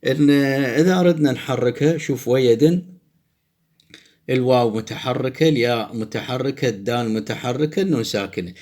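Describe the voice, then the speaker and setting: A man's voice: medium pitch, fairly quick, darkish tone. A middle-aged man, a professor giving a lecture on poetic meter who chants the beats of syllables aloud.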